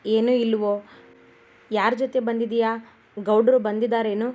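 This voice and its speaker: A woman's voice: fairly high pitch, level tone, moderate pace, mellow, muffled recording, soft background music, close to an everyday voice. A woman reading the lines of an older village mother who has been crying and avoids the question. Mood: weary.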